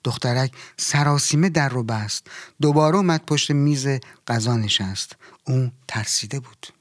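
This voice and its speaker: Calm man reading a fairy tale. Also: mid-range voice, no room sound, clean studio sound. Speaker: translator-narrator. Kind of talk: storybook reading.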